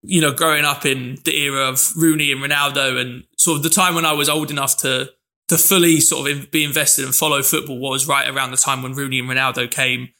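A man's voice: mid-range voice, level tone, a little fast, sharp tone. A man, reminiscing easygoingly as a podcast co-host. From London, England. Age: 20s. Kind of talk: casual chat.

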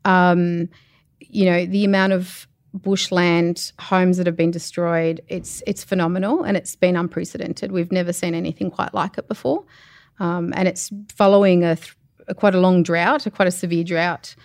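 An Australian woman, an animal welfare area manager, giving measured, sober answers in an interview. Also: on the low side, steady tone, a little mellow, no room sound.

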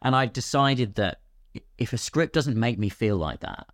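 Here a British actor and filmmaker chats casually as a podcast guest, poking fun at himself. His mid-range voice is very animated at a moderate pace, captured in clean studio sound with no room tone.

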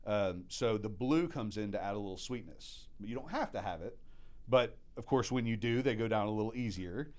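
Fairly quick and on the low side, this man in his thirties was born in Mexico and raised by American parents. He's a guest and restaurant manager, chatting casually and animatedly acting out quotes as he tells stories about running restaurants.

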